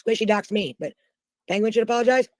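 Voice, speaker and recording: A woman's voice: a little high, fast, dry recording, studio quality. A woman guest on a live chat, ranting bluntly and swearing a lot. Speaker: guest caller. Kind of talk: heated casual chat.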